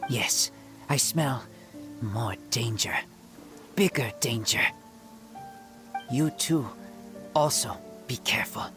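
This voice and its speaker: A man voicing a wary, simple-spoken wild youth in a video game, halting and terse, in broken phrases. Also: medium pitch, close to an everyday voice. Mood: wary, earnest. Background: game music.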